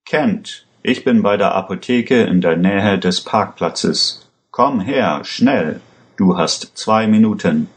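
A man reading a calm, menacing corrupt cop. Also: on the low side, slow. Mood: cold. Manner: calm, steady, commanding. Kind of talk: read-aloud story voice.

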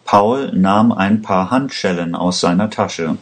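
A man reading a story aloud in a slow, measured way. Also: low-pitched. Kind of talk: scripted storybook narration.

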